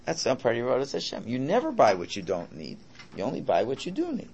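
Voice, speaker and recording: Animated, gravelly New man teaching. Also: medium pitch, fast talker, a little hiss or hum. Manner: repetitive, rhetorical questions, checks in with "right?". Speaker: religious teacher. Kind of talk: informal Torah lesson, translating and explaining a text.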